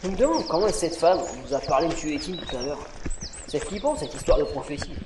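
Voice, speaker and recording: A man's voice: fairly high pitch, sing-song, quick pace. A man acting as a young, easily overwhelmed novice adventurer, plaintive and complaining, in a fantasy audio saga. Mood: weary, whining. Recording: roomy, clearly noisy recording.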